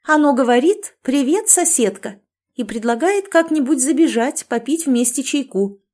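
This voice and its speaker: A domineering, self-certain woman friend who lectures and orders others about with heavy sarcasm, voiced by a female audiobook reader. Her voice is lifted higher and louder than the narration. Each line lands as a command or a cutting remark. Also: expressive, normal speed. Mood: indignant. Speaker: language teacher.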